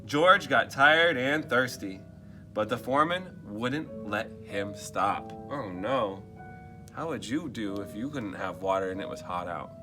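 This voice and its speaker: Over music, a man with a lowish, lively voice reads a picture book aloud to children at an unhurried pace. He reads expressively and slips into casual muttered asides and questions for his young listeners.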